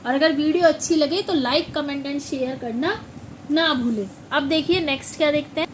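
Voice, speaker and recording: A woman teaching English pronunciation in a classroom style, repeating words slowly and asking questions back. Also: sits high, slight background noise, low-quality recording.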